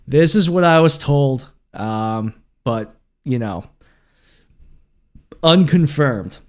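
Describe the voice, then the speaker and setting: A man's voice: mid-range voice, clear, resonant tone. A man hosting a solo podcast, talking casually and rambling with many fillers. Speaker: podcast host.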